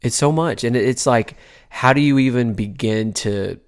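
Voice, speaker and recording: A man from the United States co-hosting a casual political chat podcast, talking in an animated, halting way with frequent restarts. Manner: animated, pitch jumps high when worked up. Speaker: podcast co-host.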